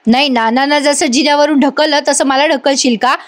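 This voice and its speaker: A woman voicing a scheming, sharp-tongued young woman who taunts and accuses her family in a soap recap. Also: high-pitched, steady tone, a little fast, lightly acted. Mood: taunting.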